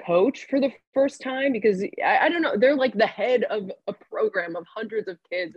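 A woman's voice: on the low side, dry recording. Chatty young woman, dull dry sound. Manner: chatty, many fillers and restarts, laughs easily. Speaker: sports reporter guest. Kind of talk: casual podcast chat.

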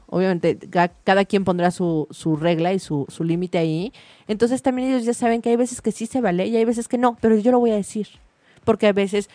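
A woman, chatting casually about parenting and telling a lively anecdote with acted-out voices. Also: medium pitch, no room sound. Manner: animated storytelling, acts out voices in anecdotes.

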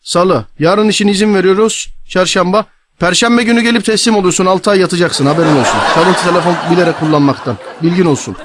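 Fast, high-voiced man bullying a caller. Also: fairly bright tone. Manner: bossy, threatening, stifling laughter. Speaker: radio prank caller. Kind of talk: radio prank call, posing as an official. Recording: noisy radio broadcast.

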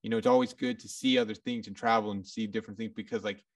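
A man, a photographer, talking in a casual, halting way with lots of fillers. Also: lowish voice, huge pitch swings, vocal fry, recorded from a distance. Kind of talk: casual podcast chat.

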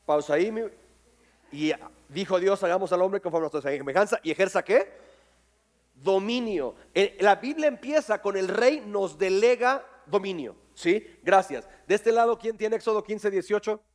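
Man, pastor, sermon, high voice, lively, jokey. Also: moderate pace. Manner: lively, jokey, quizzes the congregation. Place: church hall with congregation.

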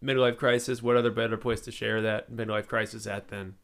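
A man's voice: fairly low pitch, level tone, fairly quick, gravelly. A man in his thirties co-hosting a casual podcast, joking around and swearing freely. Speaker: podcast co-host.

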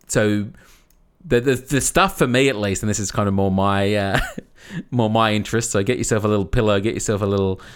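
A man's voice: lowish voice, clear, resonant tone. A man co-hosting a casual podcast, explaining a topic at length, often restarting and repeating words as he goes. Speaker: podcast co-host.

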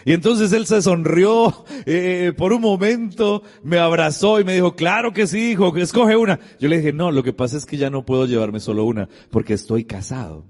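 Middle-aged man, pastor, lively storytelling sermon, fairly high voice, long hall reverb. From Colombia. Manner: storytelling, acts out dialogue, addresses the congregation directly. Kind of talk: sermon with a personal anecdote.

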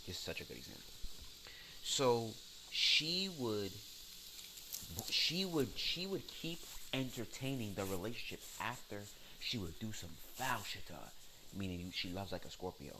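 A man's voice: on the low side, expressive, measured pace, noisy background. A man hosting a podcast, ranting in a blunt, profane, slangy and emphatic way. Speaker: podcast host. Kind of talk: casual solo rant.

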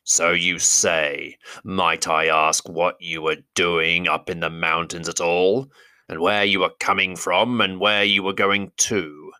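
A monstrous goblin king with a cruel, commanding temper, as a man puts him on for a storybook reading. He stretches every word out slowly and sneeringly, and some asides come out as a hiss. The voice is deep, with a bright, forceful edge. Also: fairly even intonation, smooth, no echo, full character voice. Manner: slow, menacing, drawn-out delivery with hissed asides. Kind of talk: audiobook character voice.

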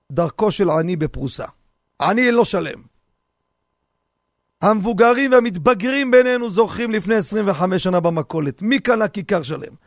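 A man, a rabbi, giving a radio sermon on the seder, animated and humorous, full of rhetorical questions. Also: sits high, dry recording, clean studio sound.

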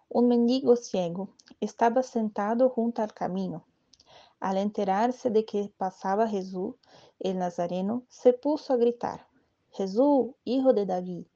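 A woman leading a guided devotional prayer, reciting in a measured, steady way. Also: mid-range voice, lo-fi sound. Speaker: prayer leader.

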